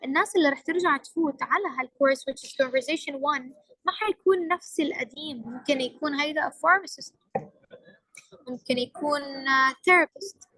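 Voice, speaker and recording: A young woman trainer with a Levantine Arabic accent delivers a workshop lecture, slipping English phrases into her Arabic and pressing hard on key words. Her voice sits high and sounds bright and crisp. The recording is dry and close, with almost no room sound. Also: moderate pace, no room sound, poor audio. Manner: mixes English into Arabic, emphatic.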